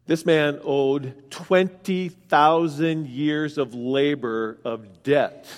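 High-voiced male pastor in a reverberant hall. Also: fairly even intonation, very slow. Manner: explains scripture verse by verse, asks the congregation direct questions. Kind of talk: sermon.

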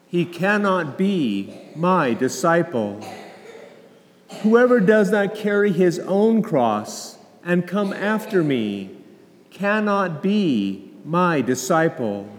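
A man's voice: on the high side, slight background noise. A man, a priest, solemnly reading the Gospel aloud at Mass, his voice carried by a long cathedral echo. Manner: measured, solemn proclamation. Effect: cathedral echo, long church reverb. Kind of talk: slow, formal liturgical Gospel reading. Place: large church. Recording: long echo in a large church.

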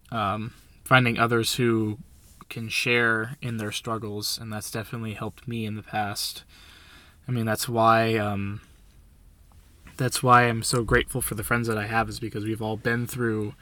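A man's voice: on the low side, a bit bright, no room sound. A man hosting a podcast, easygoing, speaking straight to his listeners and guiding the talk. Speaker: podcast host. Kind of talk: casual podcast chat.

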